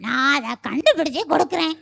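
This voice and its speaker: Woman voicing a helpful crow, puppet show, gravelly, high, caws. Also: expressive, fairly quick, fairly bright tone, exaggerated voice. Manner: plaintive then eager, cawing. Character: kind, helpful crow, gloomy about having two legs.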